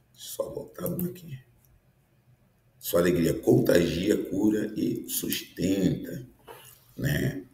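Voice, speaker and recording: Speaking in a low voice in an echoey room, a man in his fifties delivers an earnest prophetic sermon. He's a pastor who keeps checking in with the audience through frequent tag questions.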